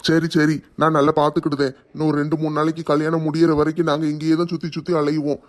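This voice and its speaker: A man acting in a homemade family skit, speaking in a quick, reassuring way. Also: on the high side, level tone.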